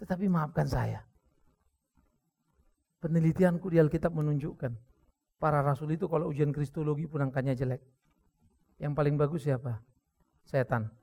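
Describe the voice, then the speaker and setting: A man with an Indonesian accent preaching a sermon, joking with the crowd and bursting into sudden shouts. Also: on the high side, gravelly. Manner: lively preaching with jokes, acted quotes and sudden shouts. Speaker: pastor.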